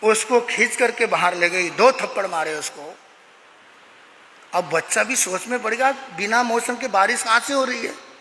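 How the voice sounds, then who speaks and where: A man's voice: high-pitched, normal speed, sharp tone. A male Jain monk giving an emphatic, moralizing sermon in a prayer hall, acting out stories. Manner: emphatic, moralizing, acts out dialogue. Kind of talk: sermon with storytelling. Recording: echoey hall with long reverb.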